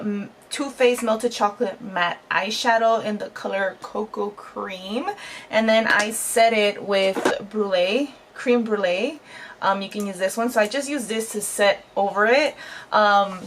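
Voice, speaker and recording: A woman's voice: mid-range voice, steady tone, unhurried, slight background noise. A woman in her thirties chatting to viewers in a casual makeup tutorial vlog at home, talkative and bubbly. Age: 30s. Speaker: beauty vlogger.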